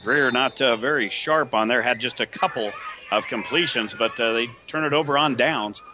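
A man's voice: mid-range voice, moderate pace. An American man giving live color commentary on a football game with folksy, colloquial phrasing. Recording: outdoor broadcast with clear background noise.

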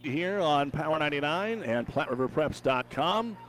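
Excited high-voiced basketball radio announcer. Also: male voice. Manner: rapid, excited calls that rise on big plays. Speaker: play-by-play announcer.

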